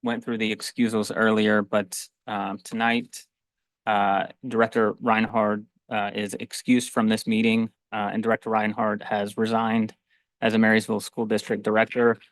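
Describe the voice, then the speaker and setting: A man's voice: lowish voice, little pitch movement, moderate pace, dry recording. A man chairing a school board meeting, formal and with frequent hesitations.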